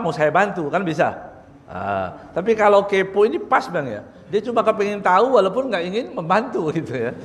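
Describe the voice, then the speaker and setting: A man preaching in a fairly high, very animated voice that rises and falls freely. He keeps the lecture light and humorous, explaining terms and acting out little scenes. His voice rings with the long reverb of a large hall. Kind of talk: religious lecture on good character.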